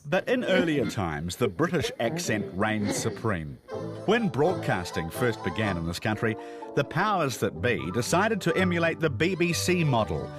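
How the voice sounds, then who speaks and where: Kiwi guy doing documentary voiceover, animated delivery, faint music under. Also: mid-range voice, normal speed. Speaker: documentary narrator. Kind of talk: scripted narration.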